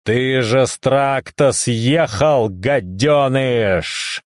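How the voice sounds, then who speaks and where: A man voicing a gruff rural traveler who growls and swears slowly at his driver, in an audiobook. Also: medium pitch, no room sound, studio quality. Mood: angry.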